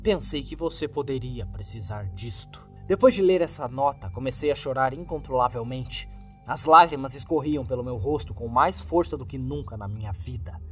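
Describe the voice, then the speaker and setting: A man with a Brazilian accent narrates a scripted horror story in a grave, dramatic way, his mid-range voice a bit bright and moving at normal speed. Music plays in the background.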